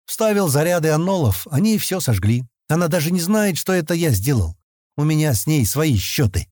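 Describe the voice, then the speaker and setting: A man's voice: a little high, sing-song, moderate pace, a little mellow, no room sound, clean studio sound, voice pushed up. A man playing a sly boastful spacefarer. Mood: wary.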